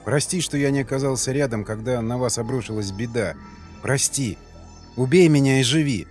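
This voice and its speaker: A man's voice: medium pitch, normal speed, darkish tone, soft background music, close to an everyday voice. A man doing a trembling father begging his daughter. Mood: pleading. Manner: trembling, pleading. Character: kneeling older father pleading with his daughter.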